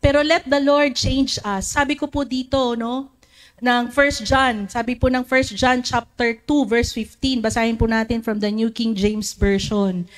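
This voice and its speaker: A woman preaching a sermon, telling stories in an animated way and acting out the voices she quotes. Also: fairly high pitch, a little slow. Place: church.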